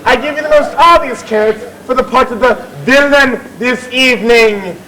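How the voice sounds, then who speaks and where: A man's voice: very high voice, normal speed, pushed and bright. An actor playing a bossy, theatrical Victorian music hall chairman, declaiming and bantering with the audience on stage. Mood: showy, bantering. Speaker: master of ceremonies. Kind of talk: comic stage musical narration. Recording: noisy live theatre audience recording.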